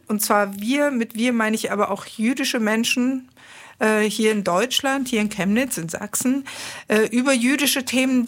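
A woman from Israel, a guest in a studio interview, talking thoughtfully with frequent fillers. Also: a little high. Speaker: guest, actress and café manager. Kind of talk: interview answers.

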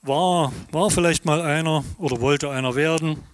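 An actor playing a bitter retired man who talks in a gruff, blunt way. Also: on the high side, moderate pace, close to an everyday voice. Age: older. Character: grumbling retired man, bitter about the state.

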